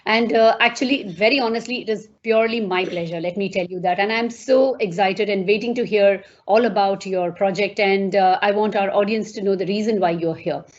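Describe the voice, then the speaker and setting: A woman's voice: mid-range voice, fairly quick, few pauses. Effusive woman hosting an interview. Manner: warm, effusive, frequent fillers. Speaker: host. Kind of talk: video-call interview. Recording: lo-fi video call audio.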